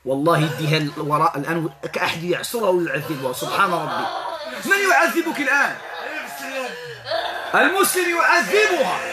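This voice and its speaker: A Moroccan man runs a ruqya exorcism session, firmly questioning and ordering a spirit about. His voice sits high and swings widely in pitch. The recording is roomy and echoey. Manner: commanding, interrogating, with Quran recitation. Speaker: ruqya healer.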